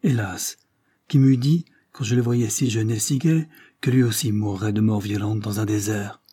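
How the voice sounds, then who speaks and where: A man reading an audiobook and voicing a stern, grieving aristocratic mother, with formal, measured speech. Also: steady tone, mellow, breathy edge. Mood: sorrowful. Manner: formal, measured, voice raised higher for her.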